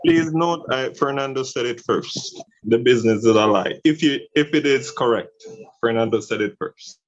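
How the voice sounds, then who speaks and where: Deep-voiced young man, mature delivery. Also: very animated, moderate pace, creaky, no echo. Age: 20s. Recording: dull lo-fi online call audio.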